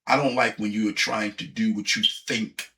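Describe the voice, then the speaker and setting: A man speaks in a low, gravelly voice with a bright edge. He talks as a bishop would, emphatic and blunt, with a faint hiss under the stream audio. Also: steady tone, moderate pace, recorded from a distance. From East Baltimore. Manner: emphatic, preacherly, street-blunt. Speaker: bishop, guest. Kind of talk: casual conversation on a livestream.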